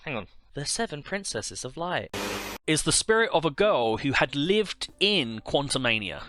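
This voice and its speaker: A man's voice: fairly high pitch, very animated, moderate pace, sharp tone, slight background noise. A man hosting a comedic game lore commentary, rambling and crude, often stumbling over names. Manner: rambling, jokey, crude humor. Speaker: host.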